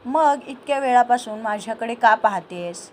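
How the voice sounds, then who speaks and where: A woman voicing a devoted young man in love, speaking softly and earnestly. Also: on the high side, lively intonation, moderate pace, slight background noise, natural voice. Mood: puzzled.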